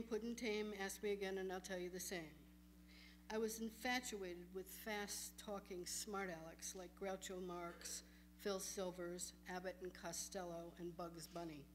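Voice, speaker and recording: A woman's voice: medium pitch, slight background noise. A woman in a lecture hall introducing an essay in a plain, conversational way, then reading it aloud. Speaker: reader at a memorial event.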